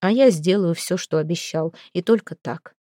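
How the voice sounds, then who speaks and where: A woman voicing a gruff, grieving male village head who talks in a low, slow, heavy rumble. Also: dark tone, dry recording, studio quality, lightly acted. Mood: desperate.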